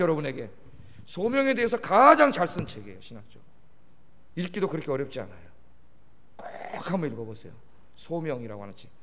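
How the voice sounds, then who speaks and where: Male pastor, sermon, animated, prompts the congregation, high pitch, reverberant sanctuary. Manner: animated, keeps asking the congregation for a response. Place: large church sanctuary. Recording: long reverb of a large church hall.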